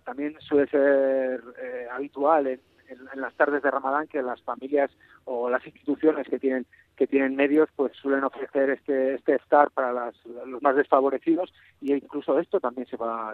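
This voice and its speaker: A male correspondent calling in on a thin phone line with no bass, his voice muffled by a face mask, talking casually with many restarts. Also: no echo. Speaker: foreign correspondent. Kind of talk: casual live call-in chat. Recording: dry, tinny phone line.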